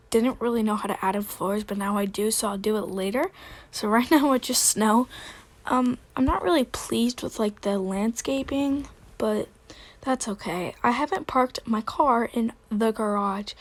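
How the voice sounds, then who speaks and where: Young woman, high-ish slightly cracking voice, dry close sound, informal game-tour host, hesitant rambling delivery. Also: measured pace, dry recording. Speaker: video host. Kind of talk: casual game tour commentary.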